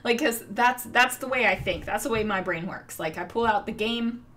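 A woman's voice: a little high, normal speed, a bit bright. A middle-aged woman hosting a casual scrapbooking video, chatting in a rambling, self-amused way with many fillers. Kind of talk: casual crafting chat. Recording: far from the mic, faint noise.

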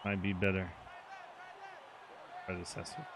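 A man commenting out loud on his own football video game, reacting excitedly to each play. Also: sits low, a little slow, noisy background. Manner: excitable, reacting to plays aloud. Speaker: gaming channel host.

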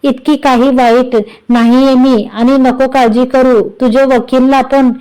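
A bossy older matriarch in a storybook reading, put on by a woman narrator. She scolds and hands out orders in a mellow, smooth voice, pitched a little high. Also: little pitch movement, a little slow, rough recording. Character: stern older woman of the household.

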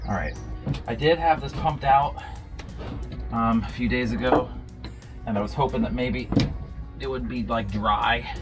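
Loud music sits behind this medium-pitched man as he vlogs unhurriedly, pausing often, aboard the catamaran he owns. In his thirties, he chats casually to viewers while working on a project, partly in a small cabin.

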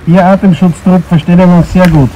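A man answering a radio check as the breathing apparatus team leader, heard over a radio, loud and formulaic. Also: high voice, fairly even intonation, a little fast, slight background noise, poor audio. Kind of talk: clipped radio procedure talk.

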